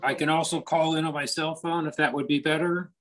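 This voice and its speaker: A man's voice: on the high side, level tone, brisk, a bit bright, a little hiss or hum. A councilmember joining remotely, his voice played through a laptop speaker in the chamber as he checks whether he can be heard. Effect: voice played through a laptop speaker into the room. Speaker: city councilmember. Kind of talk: remote meeting remarks.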